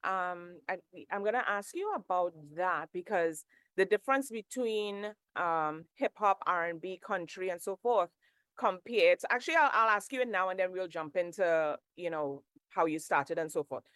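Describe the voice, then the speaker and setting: Low-voiced woman interviewer, rambling. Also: normal speed, fairly bright tone, smooth, no echo. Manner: rambling questions with hesitations. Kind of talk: casual interview.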